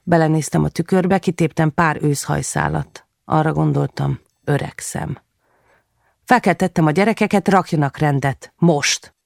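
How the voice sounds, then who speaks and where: A woman narrating a first-person literary novel as an audiobook, in a measured, subdued, confessional way. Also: low voice, gravelly, no room sound, studio quality.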